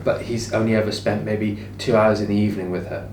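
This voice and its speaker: Man, lowish voice, casual co-host explaining, distant mic, echoey room. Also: little pitch movement, brisk, darkish tone, a little hiss or hum. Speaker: co-host, business owner.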